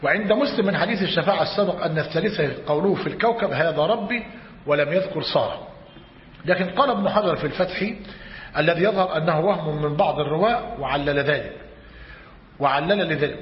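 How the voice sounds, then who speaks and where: A man teaching a religious lesson. He reads a commentary aloud and explains it. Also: a little high. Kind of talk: lecture on creed. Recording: echoey hall, muffled lo-fi.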